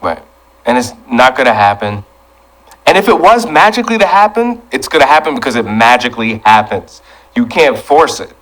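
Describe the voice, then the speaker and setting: A man's voice: medium pitch, lively intonation, normal speed, a bit bright, low-quality recording. Laid-back man hosting a podcast. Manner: laid-back, reflective, steers the talk. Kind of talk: casual chat.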